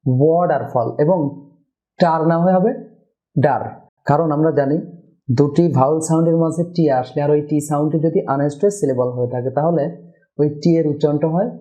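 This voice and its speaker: Slow, deliberate man teaching pronunciation. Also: fairly high pitch, warm tone. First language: Bengali. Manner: slow, deliberate, repeats each word as a model. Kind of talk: scripted pronunciation lesson.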